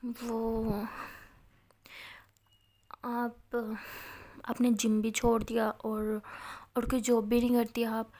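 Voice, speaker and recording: A woman's voice: a little high, completely flat delivery, drawn-out words, long pauses, dark tone, full character voice. A woman voicing a chatty young college girl who doubts herself and frets, repeating her words. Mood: anxious.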